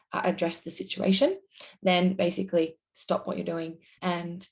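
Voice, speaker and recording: Brief: young adult woman, self-help vlog host, casual explainer with a slightly low voice, slips into quoted voices. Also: a little mellow. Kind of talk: explaining to camera.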